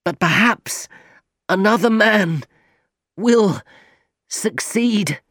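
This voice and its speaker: A man's voice: high-pitched, expressive, extremely slow, a bit bright, no room sound, studio quality, voice pushed up, exaggerated voice. A man voicing a dying young man who is bitter and set on revenge, in a weak, earnest audiobook reading. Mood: weak, pleading.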